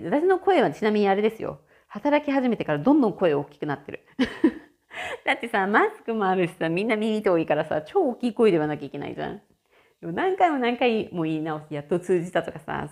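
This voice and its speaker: A woman hosting a casual solo audio chat, chatty and often laughing. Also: medium pitch. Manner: chatty, frequent laughter, animated shifts in tone. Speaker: podcast host.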